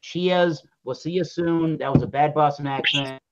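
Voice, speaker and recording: A man hosting a beer review show, chatting casually on a video call, animated and swearing freely. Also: fairly high pitch, normal speed, crowd noise. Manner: animated, profane, jokey. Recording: dull lo-fi call audio.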